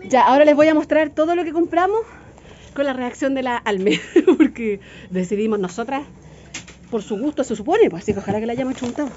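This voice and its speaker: Chatty high-voiced Chilean woman vlogging. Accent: Chilean Spanish. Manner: chatty, excitable, quick to laugh. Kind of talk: casual shopping vlog. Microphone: handheld phone. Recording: dull lo-fi phone audio with noise.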